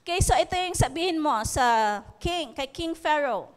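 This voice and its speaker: A woman's voice: high voice, expressive, normal speed, big-room sound. A woman preacher with a Filipino accent gives a sermon, reading scripture and checking in with the congregation with "okay?" and "di ba?". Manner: punctuates with "okay?" and "di ba?".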